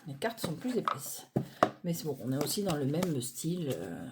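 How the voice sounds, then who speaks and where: A woman reviewing tarot decks in a casual, hesitant chat, often pausing with fillers and laughing at her own clumsiness, recorded on a phone on a stand at home. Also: deep voice, very animated, vocal fry, heavy background noise. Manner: chatty, hesitant, self-deprecating, many fillers.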